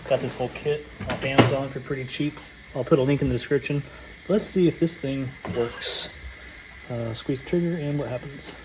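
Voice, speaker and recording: A man in his thirties hosting a casual home vlog, relaxed and thinking aloud as he works outdoors on a cold evening. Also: medium pitch, normal speed. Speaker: channel host and dad. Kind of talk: casual hands-on vlog chat. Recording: noisy outdoor camera recording.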